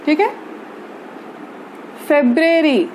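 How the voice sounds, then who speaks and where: A woman's voice: high voice, darkish tone, a little hiss or hum. A woman teaching English vocabulary in Hindi. She repeats each word patiently and spells it out letter by letter. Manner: slow, patient, spells words letter by letter and repeats "theek hai". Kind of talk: spoken English lesson in Hindi.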